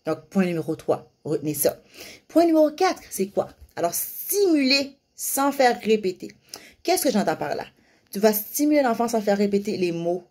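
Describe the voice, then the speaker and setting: A young woman giving parents casual advice, lively and now and then slipping into sing-song baby-talk examples. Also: medium pitch, normal speed. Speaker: parenting vlogger giving tips.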